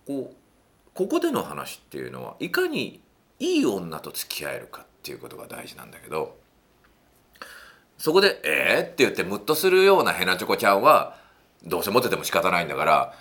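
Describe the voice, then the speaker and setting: A man talking through dating advice in a casual monologue, animated and acting out little quotes, with a self-affirming "un" between points. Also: brisk, long pauses. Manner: animated, swoops widely in pitch, acts out quotes.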